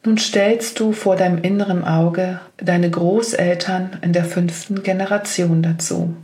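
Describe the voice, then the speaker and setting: Woman doing a guided meditation, low-ish voice, very slow and even. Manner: slow, gentle spoken instructions.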